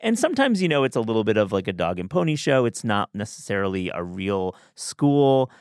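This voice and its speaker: Enthusiastic podcast host guy, lowish clear voice, chatty, lots of restarts. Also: very animated, a little fast, a little mellow, dry recording, studio quality. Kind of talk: casual chat.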